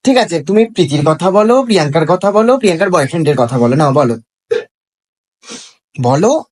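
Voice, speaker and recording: A man playing a drowsy boyfriend on a phone call who tries to calm his girlfriend down. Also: a little high, a little fast. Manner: drowsy, impatient, placating. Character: sleepy young boyfriend on the phone, tired of gossip. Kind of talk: comedy sketch phone call.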